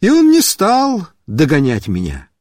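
A man's voice: a little high, wildly swooping pitch, a little slow, a little mellow, no room sound, studio quality. A man narrating a children's story in the first person, telling it animatedly as a storyteller.

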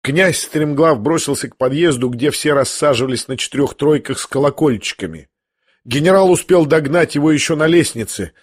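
A man narrating a classic novel in an expressive, dramatic reading. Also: fairly high pitch, a little fast. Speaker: audiobook narrator. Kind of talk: scripted literary narration.

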